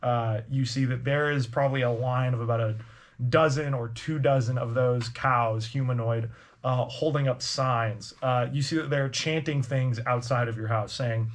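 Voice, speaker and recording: A man's voice: mid-range voice, steady tone, normal speed. A man narrating as game master of a tabletop game, in loose, rambling speech full of fillers.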